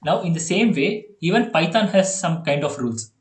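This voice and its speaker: A man with an Indian English accent tutoring a child in programming on a video call, chatty and quick to laugh. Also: fairly high pitch, animated, reverberant. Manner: chatty, laughs often, repeats okay and yeah. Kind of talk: online one-on-one coding lesson.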